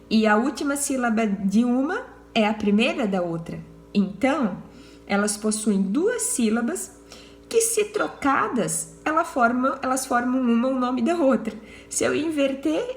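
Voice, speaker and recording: A woman's voice: high-pitched, reverberant. A Brazilian woman teacher giving word clues to children in a recorded lesson, patient and repeating herself. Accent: Brazilian Portuguese.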